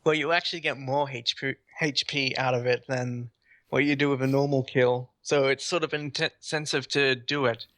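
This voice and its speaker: A man's voice: medium pitch, bright, forceful tone, no room sound. A man chatting enthusiastically as a gaming podcast host. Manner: enthusiastic, rambling. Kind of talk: casual gaming podcast chat.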